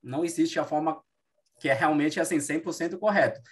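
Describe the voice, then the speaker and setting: This male Mandarin teacher, a native Mandarin Chinese speaker, explains patiently in class, peppering his speech with "né" and correcting himself often. He talks fairly quickly with a fairly high pitch.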